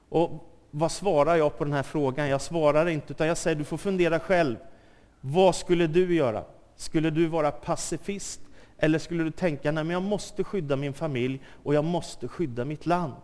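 A man delivers a sermon in a slightly raised voice, often pausing to ask his listeners whether they follow. His words ring out with a long reverb, as in a large hall. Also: on the high side. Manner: asks the audience "are you with me?" again and again. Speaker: preacher.

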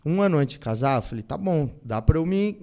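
A man's voice: on the high side, expressive, fairly quick, warm tone. A young Brazilian man, a guest, telling a personal faith story and acting out the dialogue as he goes. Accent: Brazilian Portuguese.

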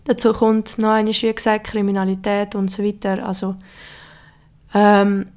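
Hoarse woman with a Swiss German accent. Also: medium pitch, completely flat delivery, a little mellow. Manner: halting, many pauses and fillers. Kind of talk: serious personal account.

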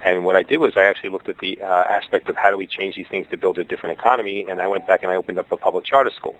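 On dull-sounding audio, a Brooklyn-born, middle-aged man who founded a charter school gives rambling interview answers full of fillers and restarts. His low voice has fairly even intonation, and he talks rapid-fire, in a Brooklyn accent.

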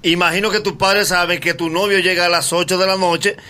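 A man's voice: high-pitched, little pitch movement, a little fast, pushed and bright. A man co-hosting a radio show, teasing the guest with a fatherly question. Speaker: radio co-host.

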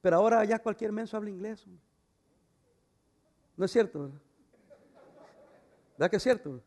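A middle-aged man pastor preaching a sermon, swinging from loud fervent passages to quiet, intimate asides. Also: high voice, lively intonation, moderate pace.

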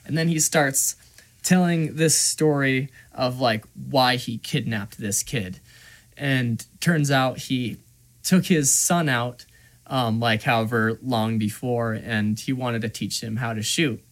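A man's voice: mid-range voice, slow pace. A man on a podcast, retelling a video game quest in casual chat, acting out voices and filling his talk with "like" and "you know". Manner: animated storyteller, acts out voices, many fillers. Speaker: podcast co-host.

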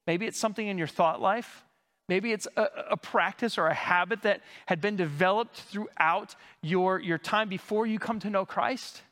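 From the pulpit, a high-voiced male pastor delivers an expository sermon, breaking down Greek words in a relaxed, conversational way at normal speed. Still recovering from a lost voice, he coughs again and again, and a long reverb carries his words through the church sanctuary.

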